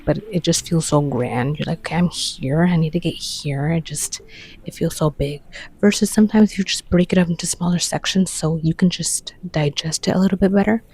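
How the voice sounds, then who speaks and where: A vlogger chatting casually to the camera late at night, short of breath, rambling and often slipping into a soft whisper. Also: mid-range voice, brisk, breathy edge, low-quality recording. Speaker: lifestyle vlogger. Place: bedroom at night.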